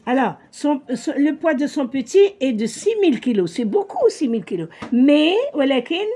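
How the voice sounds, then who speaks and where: A woman teaching a child to read, patient, slow and repeating words. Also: sits high, sing-song, warm tone. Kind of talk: patient reading lesson for a child.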